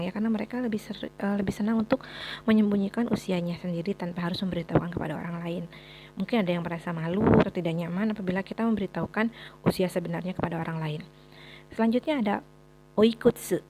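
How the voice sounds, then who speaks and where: A woman's voice: mid-range voice, mellow, slight background noise. A woman teaching a language lesson, explaining patiently and repeating each word several times for the listener to practice.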